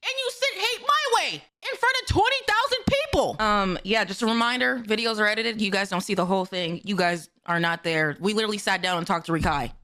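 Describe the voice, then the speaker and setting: A woman's voice: mid-range voice, expressive, a little fast, hardly any pauses, sharp tone. A woman streamer speaking in a clip, venting in an exasperated rant full of rhetorical questions. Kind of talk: frustrated call-out rant.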